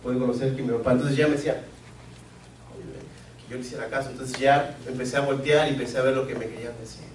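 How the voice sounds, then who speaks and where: A man's voice: medium pitch, fairly even intonation, quick pace, a little hiss or hum. A man from Mexico preaching a sermon as pastor, earnest and repeating key phrases for emphasis. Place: church sanctuary. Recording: echoey church, mic at a distance.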